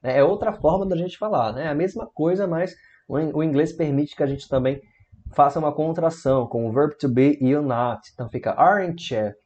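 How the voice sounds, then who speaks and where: A man teaching a beginner English grammar lesson in Portuguese, reading English example sentences slowly and repeating them with rising question intonation. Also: a little high, muffled recording. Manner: frequent tag questions, animated rising questions.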